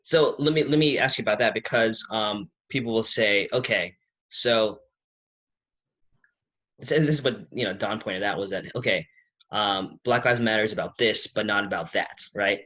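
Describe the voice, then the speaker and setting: A man's voice: lowish voice, moderate pace, sharp tone, muffled recording. A man hosting an interview, asking long questions with many restarts and repeated words. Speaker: interview host.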